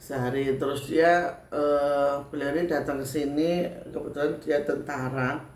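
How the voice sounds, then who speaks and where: Speaking in a low, steady, somewhat dark voice at a measured pace, this Javanese-accented woman tells stories to her viewers as a spiritual medium, circling back with filler tags. She's from Sragen in Central Java, Indonesia, recorded in an echoey room with faint ambient sound behind her.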